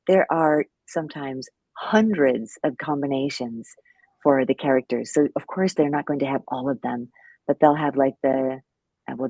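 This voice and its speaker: A woman's voice: low voice, warm tone, slightly rough, no echo, dull audio. A woman co-hosting a live language lesson, chatting casually with many fillers and little self-deprecating laughs. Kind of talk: casual live-stream teaching chat.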